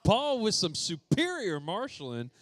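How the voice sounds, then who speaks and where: Lively joking man calling an RC race. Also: high-pitched, a little slow, no echo. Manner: playful, joking, calls out drivers by name. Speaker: RC race announcer. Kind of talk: live race commentary. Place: indoor RC racetrack.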